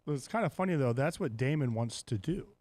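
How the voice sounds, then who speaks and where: A man's voice: medium pitch, quick pace. A man hosting a podcast, recapping a show in casual chat and acting out the characters' lines as he tells it. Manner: animated storytelling, acts out characters' lines. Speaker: podcast host.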